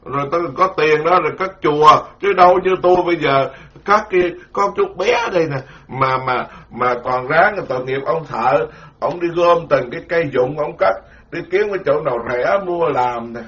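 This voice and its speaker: A man's voice: a little high, normal speed, bright, forceful tone. A man giving a sermon as a Buddhist monk, colloquial and self-mocking. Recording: dull lo-fi sound.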